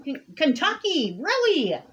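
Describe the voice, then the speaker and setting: A woman's voice: high-pitched, wildly swooping pitch, unhurried, fairly bright tone. A woman on a living room couch, reading product blurbs aloud and adding short, dry verdicts. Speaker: snack box reviewer. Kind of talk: casual taste-test chat.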